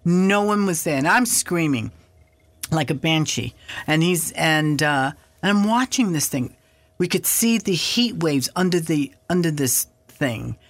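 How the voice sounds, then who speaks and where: A woman's voice: low-pitched, expressive, measured pace, dry recording. An older woman, a guest in an interview, telling a story with animation and acting out past dialogue.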